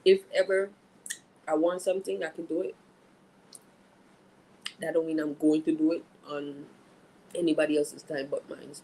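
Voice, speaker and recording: A man's voice: a little high, flat delivery, normal speed, long pauses, mellow, poor audio. Laid-back man chatting while chewing. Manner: blunt and laid-back, swears freely; talks while chewing food. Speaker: vlogger. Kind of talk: casual vlog chat.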